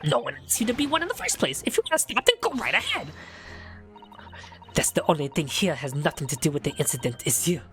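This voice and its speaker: A man's voice: on the high side, big pitch swings, fast, a bit bright, soft background music. A man voicing a haughty, dismissive rival who mocks a young attorney in a video game. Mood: scornful.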